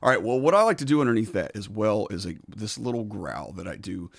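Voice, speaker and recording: A man casually walking through how he recorded his own song, talking in a relaxed, conversational way. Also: on the low side, fairly quick, creaky. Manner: laid-back and conversational, says "man" and "so". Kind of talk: casual studio walkthrough.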